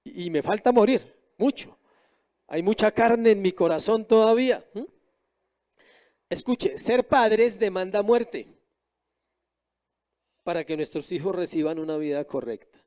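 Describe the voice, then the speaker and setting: High-voiced man preaching a sermon. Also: animated, measured pace, pauses often, a little mellow. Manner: preaching with rhetorical questions to the congregation. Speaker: pastor.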